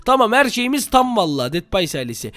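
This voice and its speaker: Hyped, fast-talking gaming host man. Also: high-pitched, big pitch swings, pushed and bright, dry recording. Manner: hyped, talks to viewers, trash-talks rival. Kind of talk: excited Minecraft gameplay commentary.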